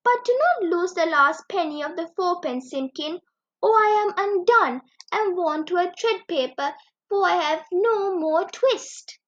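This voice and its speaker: A woman's voice: very high voice, lively intonation, unhurried. A woman voicing a poor, weary male tailor who frets and mutters in a storybook reading. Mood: weary, pleading. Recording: dull lo-fi recording.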